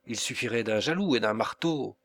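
A man's voice: mid-range voice, lively intonation, normal speed, a bit bright. A man voicing an eager young apprentice. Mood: earnest.

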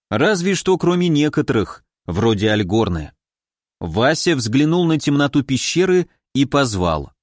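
A male audiobook narrator telling a fantasy tale with expressive, lively intonation at a middle pitch. The recording is close and dry, with no audible room. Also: dry recording. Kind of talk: scripted narration.

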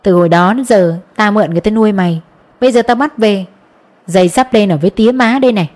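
A woman reading the part of a scheming, sharp-tongued middle-aged village wife who talks in a bossy, coaxing way in an audiobook. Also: mid-range voice, fast, natural voice. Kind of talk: audiobook narration.

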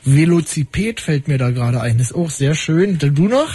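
Brisk high-voiced radio host. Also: male voice, animated, mellow, husky, no room sound. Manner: brisk, wry, cutting callers short. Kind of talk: fast call-in radio show.

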